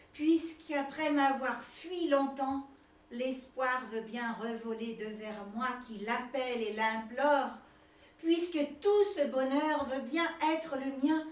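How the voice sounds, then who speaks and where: A high-pitched, theatrical young mother played by a stage actress declaims with earnest, exalted passion. The sound is roomy and distant from the microphone. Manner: theatrical, declamatory, impassioned delivery. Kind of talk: stage play performance. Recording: echoey room, distant microphone.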